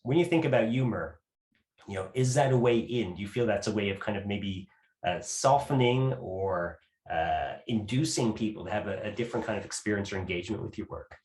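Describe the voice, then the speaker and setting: A man interviewing an artist, asking long, measured questions with frequent hesitations. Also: lowish voice, a little mellow. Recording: roomy with faint background noise.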